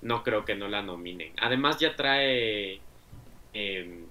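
A man's voice: on the low side, lively intonation, sharp tone. A man with a Mexican accent co-hosting a podcast, chatting casually about films with lots of fillers. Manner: chatty, hedging with fillers, quick to laugh. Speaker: podcast co-host. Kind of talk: casual film chat.

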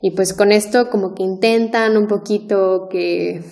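A woman's voice: mid-range voice, fairly even intonation, unhurried, gravelly, darkish tone. A woman co-hosting a Spanish-learning podcast, chatty and thinking aloud with many fillers and restarts. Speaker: Spanish teacher and podcast co-host. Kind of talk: casual podcast conversation.

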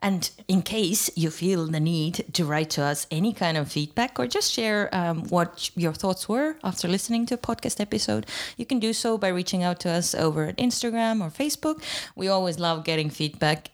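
A slightly low-voiced woman co-hosts a podcast in relaxed, casual chat. She is chatty and giggly and laughs easily between her thoughts. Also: moderate pace, few pauses. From Estonia. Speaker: podcast co-host.

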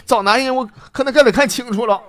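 A man's voice: very high-pitched, animated, fast, sharp tone, no echo, voice pushed up, exaggerated voice. A man voicing a brash, hot-tempered young woman, complaining indignantly. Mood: rueful.

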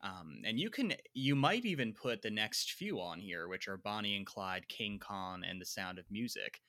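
Jersey guy on a podcast, bright lowish voice, dry close sound, kinda hedgy and repeats himself. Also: animated, normal speed, no echo. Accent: New Jersey. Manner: thoughtful, hedging, repeats words while thinking. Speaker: podcast co-host. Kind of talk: casual film discussion.

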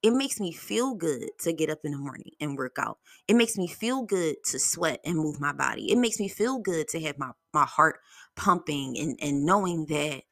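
A woman's voice: deep voice, lively intonation, moderate pace, no echo, clean studio sound. A woman in her thirties giving a blunt, profane motivational monologue from home. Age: 30s.

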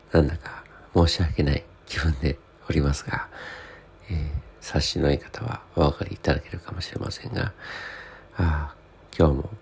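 A man keeping a spoken audio diary as a podcast host, talking in a hushed, whispery late-night voice so as not to wake anyone, in a humble and very polite way. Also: low-pitched, gravelly, husky. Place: small toilet room indoors.

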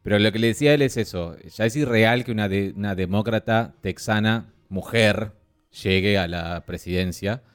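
A man co-hosting a casual film-review podcast, chatty and lively. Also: on the low side, normal speed, clear, resonant tone. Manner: lively, chatty, mimics voices mockingly. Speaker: podcast co-host.

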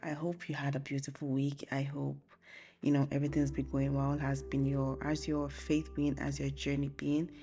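Young woman w low voice doing a chill chatty podcast, kinda rambling, guitar playing behind her. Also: normal speed. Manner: rambling, thinking aloud; informal, relaxed. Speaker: podcast host. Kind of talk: casual faith podcast, chatty monologue. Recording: soft guitar music behind the voice. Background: acoustic guitar music.

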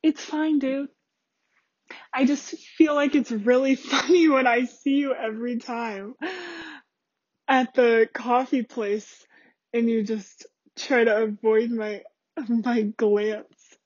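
A young woman with a slightly high voice hosts a solo podcast and tells a story in a loose, chatty way, full of "like" and restarts. The recording is dry and a bit dull and lo-fi. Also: steady tone, slow pace, long pauses, darkish tone, no echo. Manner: chatty and rambling, many fillers and restarts. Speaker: podcast host.

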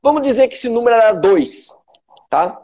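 Here a man hosts a motivational live talk with a Brazilian Portuguese accent, pressing his points through repetition and cursing without restraint. The pitch is extremely high, the delivery expressive and warm, at a normal speed.

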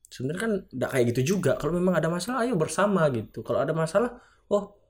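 A man's voice: fairly high pitch, sing-song, very fast, a little mellow. Rambling young man. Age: young adult. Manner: rambling, frequent filler tags. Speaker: student organization leader. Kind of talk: casual interview answers.

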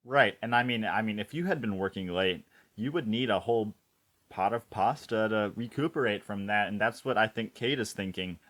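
Low-voiced man in thoughtful chat. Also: fairly bright tone. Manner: thoughtful, measured, uses fillers like um. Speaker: podcast co-host. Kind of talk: casual chat about a TV episode.

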